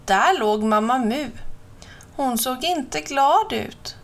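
A woman hosting her own channel, reading a picture book aloud gently and expressively. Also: high-pitched, expressive. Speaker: children's book reader. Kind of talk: storybook read-aloud.

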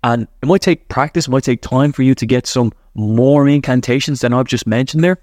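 A man hosting a podcast, guiding a breathing practice and chanting affirmations in an energetic, rhythmic way. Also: mid-range voice, fairly quick, dry recording, clean studio sound. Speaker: podcast host. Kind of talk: motivational breathing guidance. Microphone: podcast microphone.

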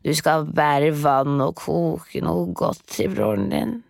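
A woman voicing a wicked old female witch who eats children, talking in a sly, menacing, drawn-out way. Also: sits low, animated, vocal fry, a little mellow, no echo, clean studio sound. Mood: commanding.

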